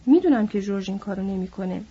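A woman's voice: mid-range voice, lively intonation, warm tone, husky, dull audio. A woman voicing a big, simple-minded man who insists anxiously and pleads, in an audiobook.

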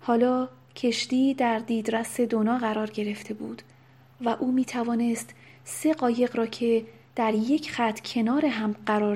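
A woman narrating a novel in a soft, unvoiced whisper with steady, even reading. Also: a little high, breathy edge. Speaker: audiobook narrator. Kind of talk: whispered storytelling.

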